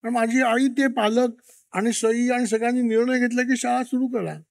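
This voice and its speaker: A man telling lively anecdotes in an interview, acting out quotes from parents and children and laughing often. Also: extremely high pitch, moderate pace, gravelly. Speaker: children's author and interview guest. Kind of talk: storytelling interview talk.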